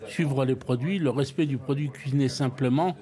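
Older French man, restaurateur, halting and repetitive, mid-pitched. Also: warm tone. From France. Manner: hesitant, frequent repeated words and restarts. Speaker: restaurant owner. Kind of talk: interview, casual storytelling.

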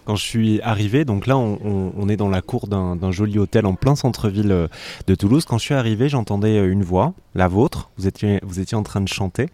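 A man's voice: fairly low pitch, fairly quick, mellow, no room sound. A man hosting an informal conversational interview, rephrasing his questions as he goes. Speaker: interviewer, host. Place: hotel courtyard in city centre.

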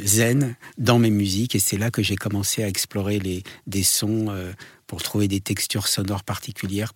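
Lowish-voiced Frenchman, halting interview guest. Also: no room sound. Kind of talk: conversational radio interview.

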